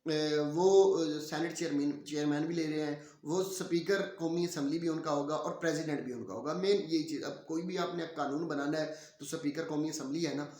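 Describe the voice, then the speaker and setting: A man delivers political commentary in an opinionated, forceful way, filling pauses with hesitation sounds. His voice sits a little high for a man. The recording is roomy and echoey. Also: steady tone. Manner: opinionated, emphatic, with frequent filler sounds. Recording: roomy echo.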